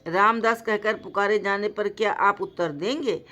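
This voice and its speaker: A woman voicing a humble, inquiring elderly male holy man in a slowly read devotional story. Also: mid-range voice, fairly bright tone, highs cut off, natural voice. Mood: earnest. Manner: slow, measured reading voice.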